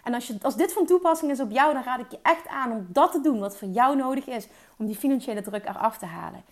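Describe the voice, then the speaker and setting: A woman talking as an online business coach in an energetic motivational monologue, mixing English words into her speech. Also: a little high, fast.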